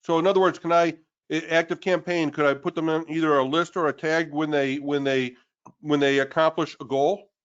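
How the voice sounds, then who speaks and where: A man's voice comes through a remote call with a squeaky, sped-up chipmunk distortion that lifts it higher than normal. The line is dull and lo-fi, and he sounds distant from the mic. He stumbles and restarts as he works his way through a question to the presenter. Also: steady tone, a little fast, smooth. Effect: sped-up, high chipmunk-like distortion on his call audio. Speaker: webinar participant. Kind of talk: live webinar question. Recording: dull lo-fi call audio from far off.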